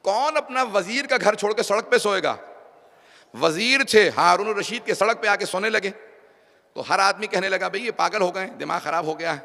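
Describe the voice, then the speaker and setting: A man's voice: sits high, vocal fry, bright, forceful tone. A male preacher telling a story in a sermon, dramatic and acting out the dialogue, heard with long hall reverb. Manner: dramatic orator who acts out the story's dialogue. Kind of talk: Urdu religious sermon storytelling.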